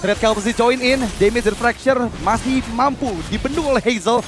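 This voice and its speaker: A male esports caster with a high-pitched voice calls the action in dramatic play-by-play. Faint music runs behind his commentary. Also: fast.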